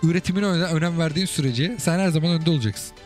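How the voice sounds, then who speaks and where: A man's voice: a little high, fast talker, soft background music. A man hosting casual commentary over viewers' game replays, chatty and asking the listener again and again whether they get it. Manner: chatty, keeps asking "you get it?" and calling the listener brother.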